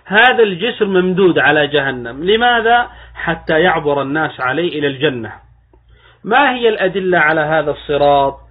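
A man sheikh teaching a religious creed lesson, explaining step by step, slowing down to recite texts and posing questions he then answers. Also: sits high. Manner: asks rhetorical questions and then answers them. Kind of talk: religious lecture in formal Arabic. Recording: narrow phone-like audio.

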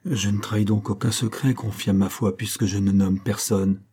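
A man's voice: fairly low pitch, steady tone, normal speed, dark tone, breathy edge. A man reading a stern cold bishop. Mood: grave.

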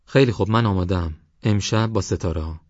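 A defiant young orphan woman in an audiobook, as a male narrator puts her on, pitched a little higher than his own low voice. She talks fast and fiercely, with a dry, somewhat dull sound. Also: no room sound. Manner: fierce, pleading.

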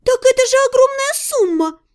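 A woman's voice: moderate pace, a little mellow. A woman voicing a rebellious teenage younger sister who whines and cries as she argues. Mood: sulky. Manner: crying, whiny, shrill.

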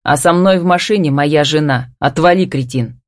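A woman narrator voicing a gruff, domineering man who growls curt replies. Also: deep voice, normal speed, no echo, studio quality, natural voice.

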